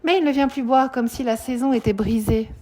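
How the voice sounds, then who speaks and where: A woman, a high school French teacher, explaining a poem to her students in a live classroom, questioning them often and adding "hein" to her sentences. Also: a little fast, mellow.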